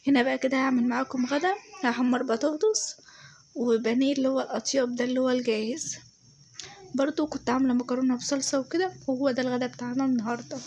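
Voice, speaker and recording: A home vlogger's voice-over: she has an Egyptian Arabic accent and a somewhat high, darkish voice that comes across as a bit changed. She describes her routine chattily, with many fillers and check-ins aimed at viewers, over slight background noise.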